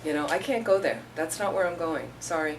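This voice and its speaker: A Buddhist teacher with a low voice gives an informal dharma talk at a fairly quick pace, chatting through stories and slipping into the voices of the people in them. She's heard from across the room on a distant mic, with a faint hum of room noise behind her.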